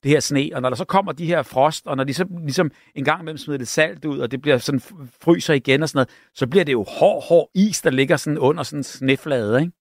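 Creaky-voiced Danish male radio host. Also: fairly high pitch, few pauses, no room sound, clean studio sound. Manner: chatty, reassuring, reads out listener texts. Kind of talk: call-in radio chat.

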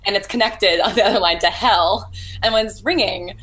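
A woman's voice: mid-range voice, normal speed, a bit bright, low-quality recording. A woman guest talking casually and conversationally on a livestream. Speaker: guest, audio drama writer.

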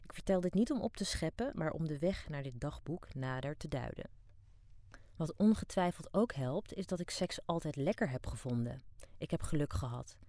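Narrating her own diary for an audiobook, this middle-aged author from Amsterdam, Netherlands sounds frank, wry and grounded. Her low voice is warm, with no room sound.

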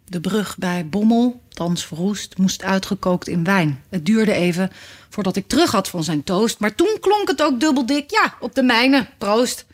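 A woman's voice: medium pitch, unhurried, close to an everyday voice. A woman voicing a dreamy male knight reciting a nonsense ballad in a lilting, half sung way. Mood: sing-song.

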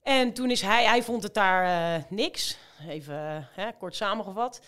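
A woman's voice: mid-range voice, moderate pace, smooth. Chatty woman telling stories. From Rotterdam, Netherlands. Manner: chatty, lots of fillers, lively storytelling. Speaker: guest, amateur marathon runner. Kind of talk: casual interview storytelling.

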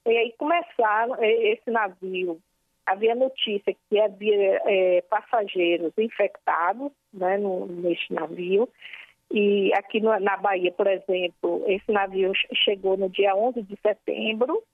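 A woman's voice: mid-range voice, fairly even intonation, a little slow, no echo. Hesitant woman over the phone. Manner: hesitant, many filler sounds. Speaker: history professor interviewee. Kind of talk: interview explanation. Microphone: telephone. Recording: tinny dry phone line.

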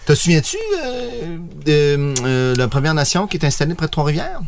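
A man with a Québécois French accent co-hosting a podcast, bantering and joking, sometimes putting on high silly voices for gags. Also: very animated, moderate pace, gravelly, crowd noise. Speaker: podcast co-host. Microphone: studio microphone.

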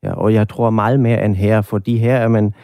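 Mellow low German man, measured. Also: flat delivery, no echo, clean studio sound. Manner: measured, frequent fillers. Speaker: guest, conductor. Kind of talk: casual interview chat.

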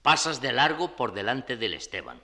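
An actor with a Spanish accent playing a bossy, exasperated small-time gang leader in a comedy, commanding and irritable. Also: male voice, mid-range voice, sing-song, normal speed, sharp tone. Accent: Spain.

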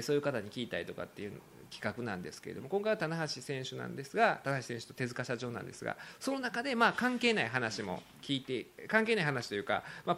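A man with a Kansai accent, hosting a podcast in casual talk, animated and quick to laugh while he quotes others. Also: mid-range voice. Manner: animated storytelling, laughing often, quoting others. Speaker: podcast host.

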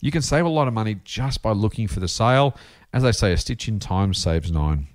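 A man's voice: fairly low pitch, animated, a little fast. An Australian man hosting a podcast in an informal, chatty, blokey and jokey style. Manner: jokey, blokey, addresses co-host as mate. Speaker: podcast host. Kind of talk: chatty, informal personal finance podcast talk.

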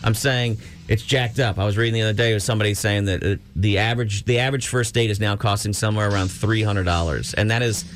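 A man's voice: on the low side, steady tone, fast. Blunt male radio host over guitar music. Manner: blunt, crude and opinionated. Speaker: morning radio show host. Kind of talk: casual radio banter.

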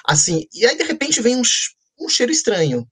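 A man telling stories with a slightly husky edge to his voice. His pitch swings widely as he goes, animated and playful. He is a children's author chatting in a conversation. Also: a little fast. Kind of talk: storytelling in a conversation.

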